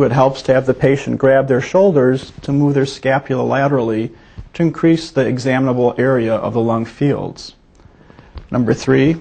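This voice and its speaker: A male physician leads a teaching demonstration with a gravelly, husky voice. His tone is dark and mellow, steady and methodical as he explains each step for students. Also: mid-range voice.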